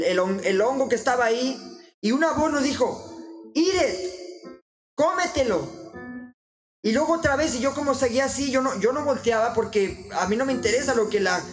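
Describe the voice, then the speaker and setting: A man preaching informally in an earnest, exhorting way, often halting and restarting his sentences. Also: very high voice, low-quality recording.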